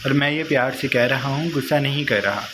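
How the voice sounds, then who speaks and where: A man voicing a stern but tender young husband, calm and coaxing, over a noisy recording. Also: mid-range voice, a little fast, close to an everyday voice.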